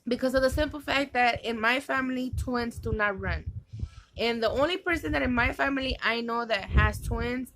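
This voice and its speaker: A woman's voice: fairly high pitch, a bit bright, a little hiss or hum, poor audio. A woman vlogging to her viewers, chatting in a rambling way with many fillers and restarts, and sounding tired. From California. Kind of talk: casual vlog chat.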